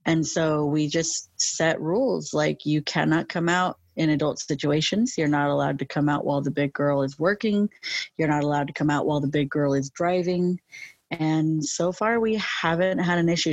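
A woman's voice: low voice, steady tone, moderate pace, no echo, highs cut off. A young woman with a lateral lisp, chatting casually in an interview, rambling with many fillers. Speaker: interview guest.

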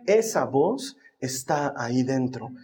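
A man's voice: mid-range voice, very animated, takes it slowly, dark tone. A man preaching a sermon, telling a personal story and building emphatic, repeated phrases. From Bolivia. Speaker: pastor.

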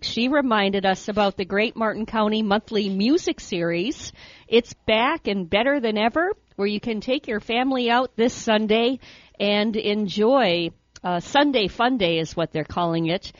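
A woman's voice: medium pitch, dry recording. A woman rattles through weekend events in a chatty, easygoing radio voice. The sound is dry and close, with a slightly muffled, lo-fi edge. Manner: chatty, reading event listings. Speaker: co-host. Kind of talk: casual radio chat.

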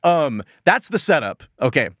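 A man's voice: a little high, big pitch swings, normal speed, fairly bright tone, no room sound, clean studio sound. An American man co-hosting a podcast, giving a casual comedic recap in a rambling, incredulous manner. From United States. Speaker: podcast co-host.

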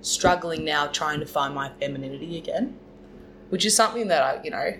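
A woman's voice: low-pitched, fairly quick, fairly bright tone, slight background noise, low-quality recording. A 24-year-old woman, a podcast guest, telling her story candidly with a chatty flow full of "like, you know.".

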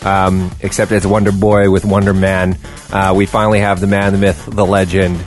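A man's voice: sits low, flat delivery, moderate pace, faint music behind. A man hosting a casual podcast, chatting in a joking, teasing, sweary way. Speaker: podcast host.

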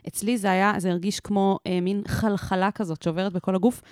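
Woman, Israeli accent, American pronunciation of foreign words, casual podcast co-host, medium pitch, dry studio-close sound. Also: fairly even intonation, darkish tone, no echo. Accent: Israeli, with foreign words pronounced in an American accent. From grew up in an American household. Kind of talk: casual conversational podcast chat.

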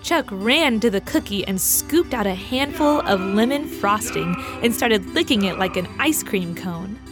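A woman reading a children's story aloud with gentle, expressive storytelling. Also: medium pitch, measured pace. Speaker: narrator. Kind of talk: scripted children's story narration. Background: music for children.

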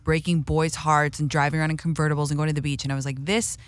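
A woman's voice: sits low, little pitch movement, very fast, no echo. A young woman from England who talks with an American Valley girl accent, chatting casually as an interview guest, candid, self-mocking and sweary. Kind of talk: casual chat.

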